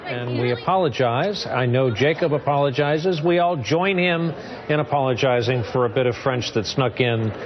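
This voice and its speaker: A man's voice: mid-range voice, moderate pace, highs cut off. A man news anchor making a formal on-air apology.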